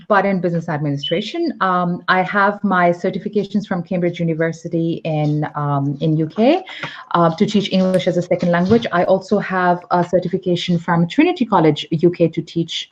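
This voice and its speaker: Teaching English on a live video call, this Pakistani woman has a fairly low-pitched voice, and the recording cuts off the highs. She's chatty, full of fillers, and explains through examples.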